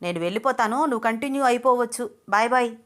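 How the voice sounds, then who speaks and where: A woman voicing a brash, short-tempered young man who talks loudly and bluntly in a told story. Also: on the high side, fast, natural voice. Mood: stern. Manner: loud, scolding, blunt.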